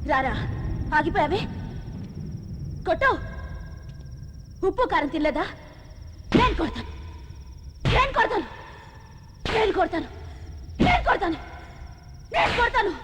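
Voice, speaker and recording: An actress voicing a fiery young woman in a dubbed film, taunting and sharp-tongued. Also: extremely high pitch, very animated, a little slow, long pauses, noisy background, exaggerated voice. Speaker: film heroine. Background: film music.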